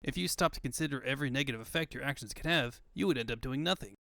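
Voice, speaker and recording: A man's voice: medium pitch, racing, gravelly, bright, forceful tone, dry recording, studio quality, voice pushed down. A man voicing a cocky, easygoing young hedgehog hero in a comic book fandub. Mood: easygoing, advising.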